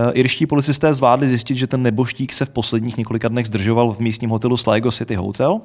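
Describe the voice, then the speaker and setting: Male co-host, mid pitch, dry explanatory storyteller. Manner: wry, explanatory, deadpan asides. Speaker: podcast co-host. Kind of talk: casual chat, storytelling.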